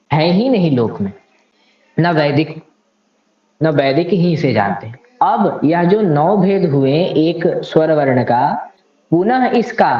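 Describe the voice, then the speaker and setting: A man lecturing on Sanskrit grammar, speaking slowly and deliberately and reciting the rules as he goes. His voice sits in a middle range. The room sounds echoey and the sound is a little dull. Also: a little high.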